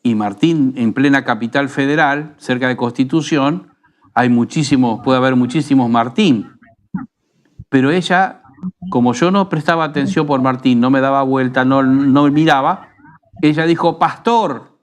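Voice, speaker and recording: Argentine pastor teaching in an unhurried tone. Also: male voice, medium pitch. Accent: Rioplatense Spanish. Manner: unhurried, teaching tone with frequent rhetorical tag questions. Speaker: pastor and radio program host. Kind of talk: conversational preaching.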